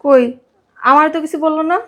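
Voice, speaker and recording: Woman, fast protesting sister in a village drama. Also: high-pitched, fairly even intonation, bright, forceful tone. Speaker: sister in a family skit. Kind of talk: Bangladeshi village drama acting.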